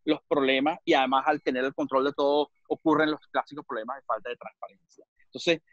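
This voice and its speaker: A man's voice: mid-range voice, steady tone, dry recording. A man from Venezuela with a Venezuelan accent, speaking as a webinar panelist and often stopping to search for words. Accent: Venezuelan Spanish. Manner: halting, searches for words with many repeats. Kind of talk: panel discussion on a video call. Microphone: video call. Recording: muffled video call audio.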